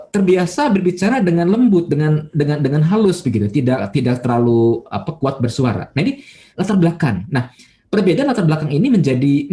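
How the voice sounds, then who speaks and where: A man with a fairly high but warm, mellow voice gives a church talk as a pastor. He speaks in a loose, conversational way, full of fillers. He acts out everyday quotes with a livelier voice. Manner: conversational, many fillers and folksy asides. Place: church online service.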